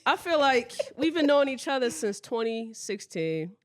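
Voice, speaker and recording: A woman's voice: on the high side, sing-song, moderate pace, no echo, clean studio sound. A woman hosting a podcast in casual chat who talks bluntly, swears freely and teases her guests with affection. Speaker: podcast host.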